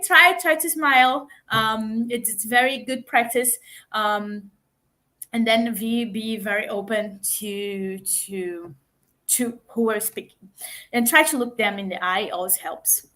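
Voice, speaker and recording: A woman coaching people on giving pitches, with many fillers and halting restarts, speaking as an over a video call. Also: bright, forceful tone. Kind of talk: online talk on pitching.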